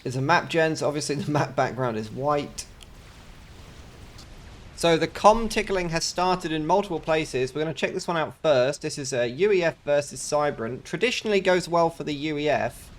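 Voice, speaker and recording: A man's voice: fairly high pitch, animated, moderate pace, slight background noise. An English man casting a strategy video game in a chatty way, with joking asides between the play-by-play. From England. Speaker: game caster.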